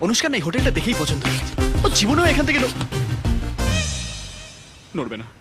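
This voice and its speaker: An actor playing an exasperated young newlywed who pleads in a comic film. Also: male voice, extremely high pitch, wildly swooping pitch, quick pace, over music, full character voice. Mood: pleading. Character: anxious newlywed young man on his honeymoon. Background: film score.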